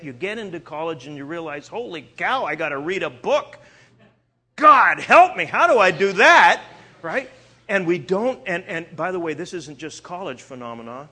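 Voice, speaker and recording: A man from Eastern Canada preaching a sermon, telling stories in an animated way and often restarting his sentences. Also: a little high. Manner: animated storytelling with frequent restarts.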